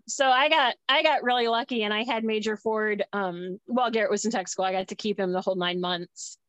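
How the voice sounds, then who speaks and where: A woman guest in casual conversation, telling a personal story in an animated way. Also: medium pitch, normal speed, no echo, poor audio. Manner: animated, acts out dialogue.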